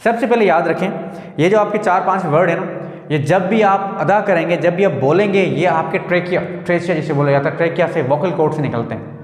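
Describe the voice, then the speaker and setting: Guy teaching english grammar, kinda high voice, repeats stuff, lots of room echo. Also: fairly quick. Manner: explains step by step, repeats words and asks the listener questions. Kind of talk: explaining a grammar lesson. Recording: echoey room with long reverb.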